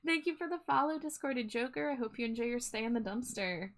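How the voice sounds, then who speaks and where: A woman's voice: on the high side, expressive, fairly quick. A woman art streamer chatting casually to viewers on a livestream in a cute, friendly, appreciative manner.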